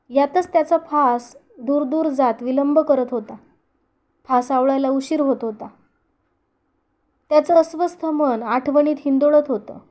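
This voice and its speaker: Woman, high voice, storyteller, scripted story narration, steady earnest read.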